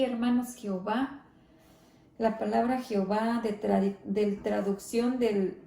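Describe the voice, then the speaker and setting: A woman leading a church Bible study, speaking slowly and reverently, often adding amén and gloria a Dios. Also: a little high, mellow, reverberant. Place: church hall.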